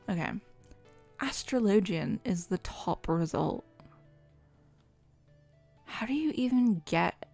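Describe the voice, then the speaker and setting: A woman's voice: medium pitch, creaky, a little mellow. A young woman streaming, chatting casually and reading quiz answers aloud with dramatic flair. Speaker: VTuber streamer. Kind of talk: casual chat.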